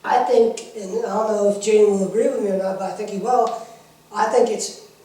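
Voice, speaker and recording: A man's voice: high voice, steady tone, brisk, warm tone. A man chatting casually in an interview as a guest, earnest and emphatic, often repeating himself. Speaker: wrestling insider, interview guest. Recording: echoey room, distant microphone.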